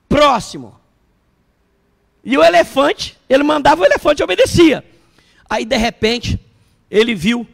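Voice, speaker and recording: High, gravelly preacher man. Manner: animated storytelling, questions the congregation. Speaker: bishop preaching. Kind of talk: sermon. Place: church service.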